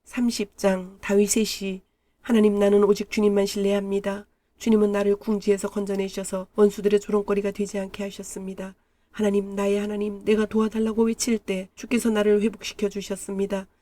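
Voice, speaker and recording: Woman scripture reader, calm measured Bible reading, mellow even voice, dry close sound. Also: medium pitch, no room sound.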